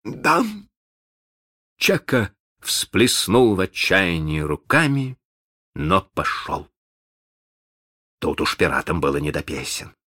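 A man narrating a children's story aloud in a dramatic, animated manner. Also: low-pitched, slow, pauses often, no room sound, clean studio sound. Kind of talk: expressive audiobook narration.

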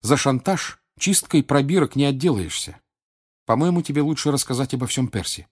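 A man's voice: medium pitch, animated, normal speed, voice pushed up, close to an everyday voice. A man voicing a clever, anxious teenage schoolgirl witch in an audiobook, speaking earnestly and urgently, raised well above his own voice. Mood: worried. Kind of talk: audiobook character voice.

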